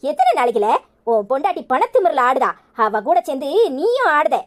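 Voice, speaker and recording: Cartoon mother with a Tirunelveli accent, cursing and sharp-tongued, voiced by a woman, high and animated. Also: a little fast. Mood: scornful. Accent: Tirunelveli Tamil. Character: fierce scolding village mother, older woman. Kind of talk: cartoon voice acting.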